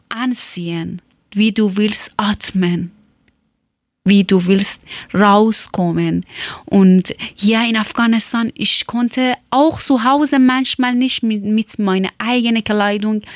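Slow, halting woman speaking learner German. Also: medium pitch, no room sound, studio quality. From Iran. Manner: halting, searching for words, many fillers. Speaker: former teacher telling her story. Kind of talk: personal testimony in learner German.

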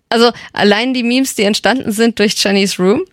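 A woman's voice: fairly high pitch, dry recording, clean studio sound. A young woman radio host, chatting casually and enthusiastically as a fan, with many fillers. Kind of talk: casual radio chat about K-pop.

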